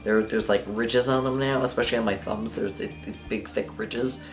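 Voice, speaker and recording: Talking over music, a young adult man vlogs to camera from an indoor living room with a lamp and couch. He speaks at a moderate pace in a fairly low, fairly even voice, rambling along with lots of fillers and small laughs.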